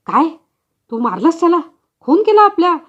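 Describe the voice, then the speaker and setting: A woman voicing a furious young husband who shouts harsh accusations at his wife, on a slightly dull recording. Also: very high-pitched, very animated, normal speed, pitched above the performer's own voice. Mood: angry, shouting.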